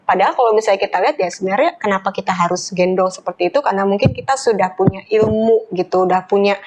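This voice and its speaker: A woman guest on a health talk show, explaining things at length with many fillers and acting out the remarks people make. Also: mid-range voice.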